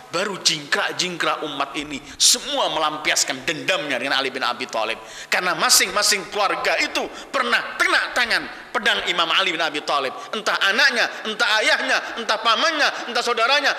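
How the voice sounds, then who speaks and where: A man preaching a sermon, telling stories dramatically with loud exclamations and hushed low phrases. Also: very animated, brisk. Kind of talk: sermon storytelling. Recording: echoey hall with long reverb.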